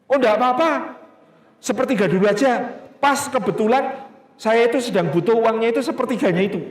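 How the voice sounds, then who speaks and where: A man's voice: extremely high pitch, echoey room, voice pushed up. A man voicing an eager middle-aged woman selling her house, pleading and insistent. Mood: coaxing. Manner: pleading, insistent, quick bursts.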